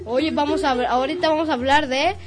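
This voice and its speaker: Woman, radio host, casual chat, hesitant topic-steering, high pitch. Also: fairly even intonation, fast, soft background music. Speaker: host of a school radio show.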